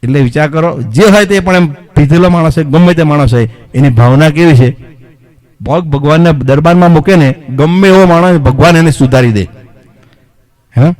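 A man's voice: a little high, moderate pace, darkish tone. Chatty male mimicry comedian. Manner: chatty, asks the audience questions. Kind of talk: comic storytelling performance.

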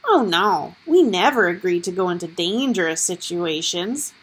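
A woman's voice: fairly low pitch, lively intonation, normal speed, breathy edge, low-quality recording. A woman voicing a lazy, unbothered male glowing bug.

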